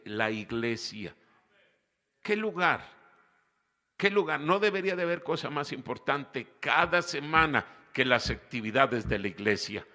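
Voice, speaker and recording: A man's voice: medium pitch, bright, forceful tone, in a large hall. A man preaching a sermon as pastor, with rhetorical questions and emphatic repetition. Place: church hall.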